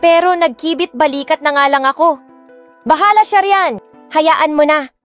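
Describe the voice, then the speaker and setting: Here the narrator's voice is high and her pace moderate. She tells the tale as a rebellious, pampered rich girl in first person, reading expressively in Tagalog mixed with English lines, recorded close and dry with gentle music behind her.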